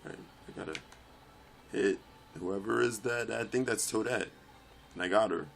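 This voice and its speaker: A young man commentating his own kart racing gameplay, swearing and yelling in frustration at the game. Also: lowish voice, moderate pace, creaky, a little hiss or hum. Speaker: let's play gamer.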